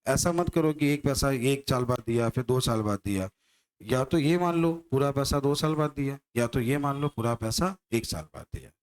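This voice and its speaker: A man's voice: mid-range voice, moderate pace. A male maths teacher lecturing a class, teasing his students and firing rhetorical questions at them.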